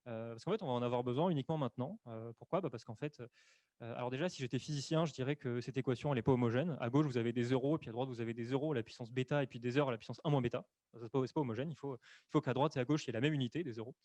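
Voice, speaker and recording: A man's voice: mid-range voice, very fast, a little mellow, no echo. A man presenting an explanatory webinar on camera into a desk microphone, hesitant, with many fillers and self-corrections. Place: room at home or office, on camera.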